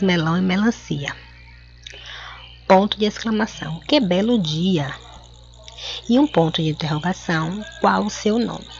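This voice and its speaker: A Brazilian woman teacher with a fairly low voice speaks slowly and clearly, stretching out words for young pupils. The recording is dull and lo-fi, with faint crickets somewhere behind her. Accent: Brazilian Portuguese. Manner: slow, clear, spelling words out for children. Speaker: schoolteacher. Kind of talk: recorded classroom lesson.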